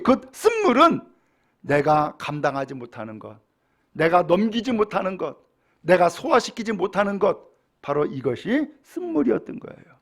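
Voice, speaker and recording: A middle-aged man, a pastor, delivering a sermon with animated preaching that acts out quoted speech. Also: high-pitched.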